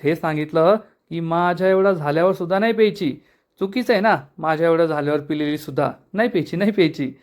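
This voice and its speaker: A man's voice: a little high, fast, lightly acted. A man doing a joking old father-in-law. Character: old father-in-law fighting his drinking.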